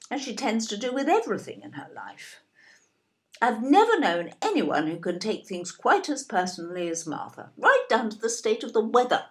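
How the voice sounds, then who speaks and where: In an audio play, a British-accented woman with a medium-pitched voice plays an older wife and mother who is snobbish and self-absorbed. Her delivery is genteel, fussy, and disparaging.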